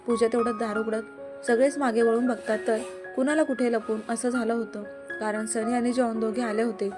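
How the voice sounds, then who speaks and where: A woman's voice: fairly high pitch, steady tone, brisk. Woman narrating a serial story over music. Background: background music.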